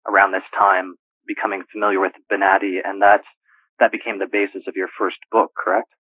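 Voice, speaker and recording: A man hosting an interview, asking steady questions that sum up what the guest has said. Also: sits low, a little fast, dry recording. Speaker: podcast host. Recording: dry phone-line sound.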